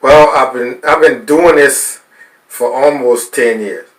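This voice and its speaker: A man's voice: medium pitch, slow pace, reverberant, poor audio. A man who works as a corrections officer, speaking as a guest in casual chat, cursing and repeating himself.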